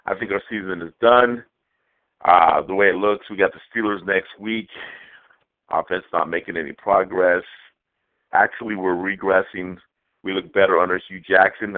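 A man from Southern California calling in to a radio show over the phone, ranting angrily with a lot of swearing. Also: low voice. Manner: angry profane rant. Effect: call-in phone line. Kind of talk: ranting call-in message. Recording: tinny phone line.

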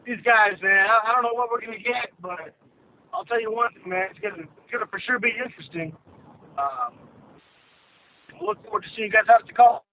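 Brief: male radio show caller on a tinny phone line, high-pitched, upbeat and rambling. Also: fairly quick, pauses often.

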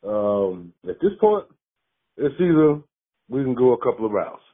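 A man's voice: mid-range voice, big pitch swings, normal speed, breathy edge. Furious man ranting on a phone line. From Mississippi, USA. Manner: angry, profane, fired-up ranting. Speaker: caller. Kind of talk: call-in sports rant.

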